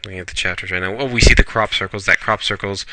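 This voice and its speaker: A man's voice: fairly low pitch, fairly even intonation, fast, sharp tone, dry recording. A man casually reviewing a manga chapter, rambling along with fillers and restarts.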